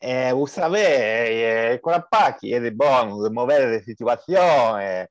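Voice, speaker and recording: A man attempting a mixed-up Spanish-Italian comic accent, halting and stumbling over his words. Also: medium pitch, animated, dry recording, clean studio sound, natural voice. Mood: hesitant.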